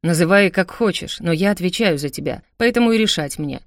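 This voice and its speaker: Woman reading a cold older stepbrother for an audiobook; clipped, calm, lowish voice, dry studio. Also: brisk, dry recording. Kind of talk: audiobook character voice.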